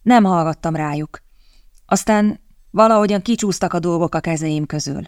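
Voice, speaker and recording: A woman's voice: lowish voice, dry recording, clean studio sound, close to an everyday voice. A woman voicing a sheepish, repentant young man in an audiobook, speaking in a rueful, gloomy way.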